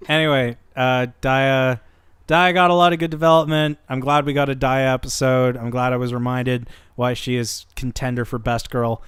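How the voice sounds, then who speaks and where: A man's voice: mid-range voice, little pitch movement, normal speed, fairly bright tone, clear, resonant tone, no room sound. A man co-hosting a casual anime discussion podcast, enthusiastic and swearing freely. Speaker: podcast co-host.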